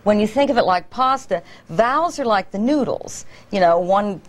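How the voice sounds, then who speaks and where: Middle-aged woman voice coach, talks clear and deliberate, drags out consonants. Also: mid-range voice, animated. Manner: articulate, demonstrative, stretches consonants. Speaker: vocal coach guest. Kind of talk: morning show interview.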